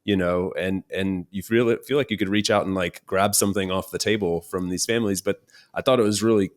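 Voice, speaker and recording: A man hosting a casual interview, relaxed and curious, sharing an anecdote and asking questions. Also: deep voice, brisk. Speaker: podcast host.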